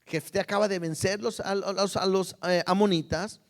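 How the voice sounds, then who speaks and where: Man, pastor's sermon, high voice, chatty and checking in with listeners. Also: fairly even intonation, normal speed. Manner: conversational, asks the congregation "¿sí?" often.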